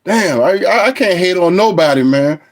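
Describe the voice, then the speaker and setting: Talking at normal speed in a high-pitched, expressive voice, a middle-aged man reviews his DNA results on his phone for his vlog. He rambles, cracks jokes and keeps restarting in this casual rundown.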